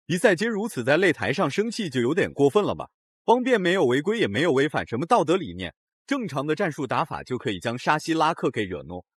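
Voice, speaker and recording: A man's voice: on the high side, big pitch swings, fast, husky, dry recording, clean studio sound. A man narrating a scripted recap of a fight in a dramatic, opinionated way. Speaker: video narrator.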